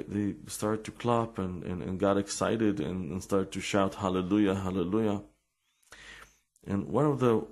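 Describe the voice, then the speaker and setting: A man's deep, slightly mellow voice carries an Israeli accent through an informal religious talk sprinkled with personal stories. He pauses and repeats words as he works to find his English.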